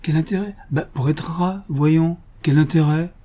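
A man's voice: a little high, a little slow, warm tone, voice pushed up. Man voicing a brash young Parisian cyclist girl. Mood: bossy. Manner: sassy, bossy street slang.

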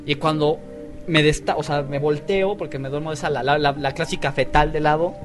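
A man's voice: on the high side, a little fast, over music. Slangy young man storytelling. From Mexico. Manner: slangy, profane, animated retelling with voiced quotes. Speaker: podcast host. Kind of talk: casual storytelling among friends.

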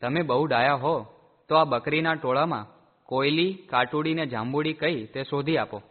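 A man voicing a blunt, simple-hearted village herdsman who talks gruffly and complains, heard through a tinny, echoey recording. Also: fairly high pitch, normal speed, lightly acted. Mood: taunting. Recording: echoey, tinny phone-like sound.

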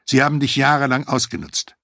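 A man's voice: medium pitch, expressive, fairly quick, dry recording, clean studio sound, pitched above the performer's own voice. A man voicing an angry, worried wife who scolds her husband in an audiobook reading. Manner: sharp, scolding.

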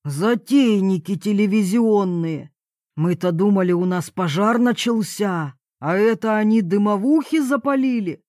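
A man's voice: sits high, expressive, measured pace, a little mellow, dry recording, clean studio sound. Woman voicing an angry grumbling father. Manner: angry, scolding.

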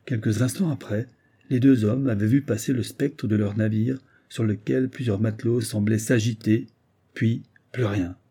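A grave, weathered sea captain telling of a ghostly voyage, read by a man. The voice is very dark and mellow with a husky edge, steady and solemn in a storybook manner. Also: on the low side, normal speed. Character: weathered male sea captain recounting an eerie tale. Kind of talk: scripted narration of a classic story.

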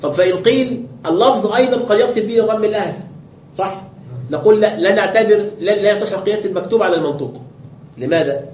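A man's voice: sits high, fast, a little mellow, a little hiss or hum. A man, a sheikh giving an explanatory lecture on scripture who poses rhetorical questions and reads texts aloud. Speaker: sheikh teaching exegesis. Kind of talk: classroom lecture with commentary. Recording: roomy, dull lo-fi lecture recording.

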